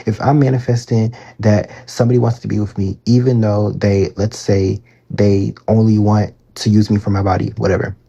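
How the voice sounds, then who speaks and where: A man talks casually on a live stream, his low voice gravelly with fry. He reads viewer comments aloud and answers them in a loose, filler-heavy way, with a husky edge in his tone, speaking into a phone. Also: flat delivery, normal speed, warm tone, muffled recording. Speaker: manifestation coach answering viewer questions.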